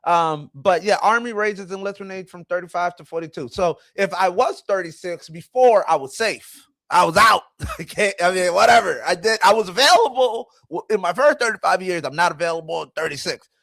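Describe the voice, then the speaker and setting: A man's voice: sits high, brisk, vocal fry, fairly bright tone, no room sound. A man in his forties hosting a live stream, chatting casually and rambling with self-corrections as he greets viewers. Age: 40s. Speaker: livestream host. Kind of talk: casual livestream chat.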